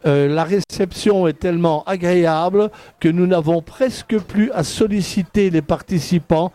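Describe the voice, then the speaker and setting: Hosting a live outdoor radio broadcast at a windy event, this man interviews a guest in a chatty way, often restarting what he says. He has a Liège Belgian French accent and a high, mellow voice at a moderate pace, picked up by a headset mic.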